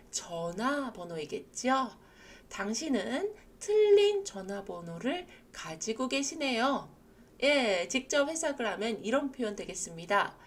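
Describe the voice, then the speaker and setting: A woman with a Korean accent teaching an English lesson for seniors, explaining patiently and leading repetition drills. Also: fairly high pitch. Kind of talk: slow recorded language lesson for seniors.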